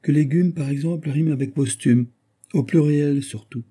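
A dreamy, absent-minded poet rambles on in an audiobook, read by a man. He chases rhymes eagerly and mocks his own foolishness. The tone is dark and a little husky. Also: on the high side, moderate pace, voice pushed up. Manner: rambling, eager, self-mocking. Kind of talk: audiobook character voice.

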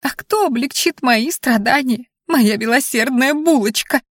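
A woman putting on a high-pitched, theatrical little furry governess creature for an audiobook. She dotes, scolds and flies into hysterics, with sugary pet names on every line. The sound is dry and close. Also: animated, moderate pace, no room sound. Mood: scolding, doting. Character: fussy furry female creature governess, dramatic. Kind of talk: audiobook character voice.

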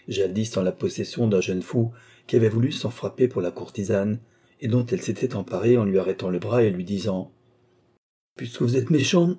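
A man narrating a classic novel in a measured audiobook reading. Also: lowish voice, dark tone, breathy edge. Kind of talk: scripted narration.

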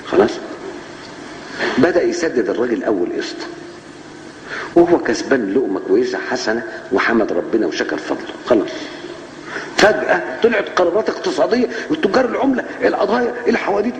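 A man's voice: fairly high pitch, a little hiss or hum. A man with an Egyptian accent giving a colloquial religious lesson in a mosque, telling stories and firing rhetorical questions at his listeners. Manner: lively storytelling with rhetorical questions. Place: large mosque hall. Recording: echoey mosque hall, dull old tape.

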